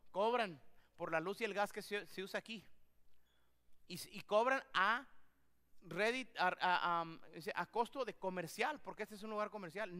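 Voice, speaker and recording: A pastor preaching a sermon in a church, his voice high and bright. He speaks with a clear, smooth tone, swinging between quiet teaching and loud, fervent prayer. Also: long reverb tail. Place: church sanctuary.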